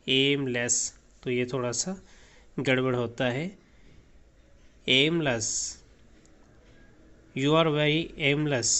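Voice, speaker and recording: A man teaching English pronunciation and meanings, repeating each word many times and reading definitions slowly. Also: medium pitch, a bit bright. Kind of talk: slow pronunciation lesson.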